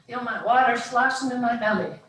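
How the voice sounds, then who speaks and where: A woman's voice: a little high, fairly quick, a bit bright. A woman fitness instructor leading a live group workout class, giving short, encouraging cues and countdowns. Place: indoors, live video call class. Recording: echoey room, far from mic, faint noise.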